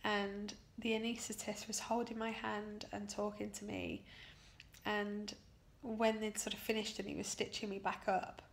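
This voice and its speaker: Worn out after surgery, a British woman tells her story in a personal video diary, speaking haltingly and emotionally and pressing on key words. Her mid-range voice is animated and has vocal fry, with slight background noise behind it.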